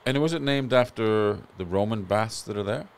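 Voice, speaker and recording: A man hosting a podcast interview in a relaxed, chatty manner. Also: fairly low pitch, normal speed, smooth. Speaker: podcast host. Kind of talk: conversational interview.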